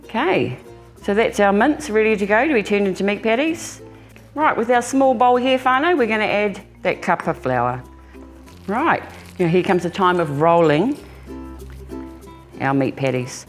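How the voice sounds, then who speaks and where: A woman's voice: mid-range voice, lively intonation, measured pace, long pauses, faint music behind. A woman with a New Zealand accent hosting a home cooking demonstration, talking casually and informally to viewers as if they were family. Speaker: home cooking show host.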